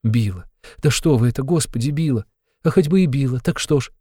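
A man's voice: medium pitch, lively intonation, a little fast, warm tone, no echo, clean studio sound, pitched above the performer's own voice, close to an everyday voice. A man voicing a frightened, timid young woman who speaks in a plaintive, trembling way. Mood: anguished.

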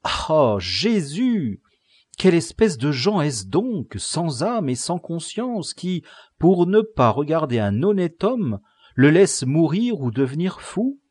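A man's voice: fairly high pitch, big pitch swings, slow pace, a little mellow, slightly rough, no room sound, pitched above the performer's own voice, heavily acted. A man voicing an innkeeper's shy, naive young daughter in an audiobook, speaking hesitantly and earnestly.

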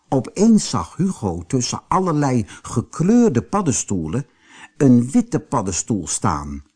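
A man reading a fairy tale aloud as a storyteller, slow and very expressive. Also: mid-range voice, slightly rough.

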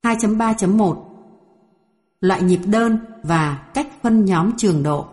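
A woman reads a music theory textbook aloud in a mellow, warm voice. Her delivery is even and measured, moving steadily through numbered items. The recording is dry and close. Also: mid-range voice, breathy edge, no echo. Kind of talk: scripted textbook narration.

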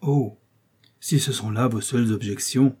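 Un homme qui prête sa voix à une femme vive et perspicace, taquine et câline, dans un livre audio. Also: male voice, medium pitch, unhurried, a little mellow, slightly rough. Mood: teasing, coaxing. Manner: arch, coaxing, playful. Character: lively shrewd middle-aged woman, teasing invalid friend.

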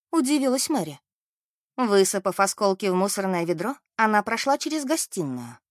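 A woman narrating a novel aloud in an expressive, measured way. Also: fairly low pitch, no room sound, studio quality.

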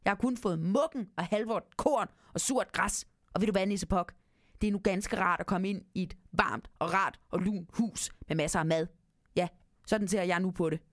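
A woman voicing a stubborn male field mouse in a squeaky, high voice, reading a storybook tale. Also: dry recording, clean studio sound, lightly acted. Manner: squeaky, stubborn, cries out in panic.

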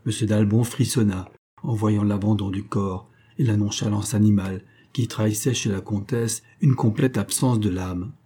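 A man narrating a classic novel as an audiobook in a calm, even reading. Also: lowish voice, normal speed, breathy edge.

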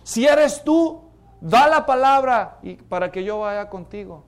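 An eager male disciple pleading from a boat, as a preacher acts him out. The high voice climbs and pushes forward with urgency. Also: expressive, unhurried.

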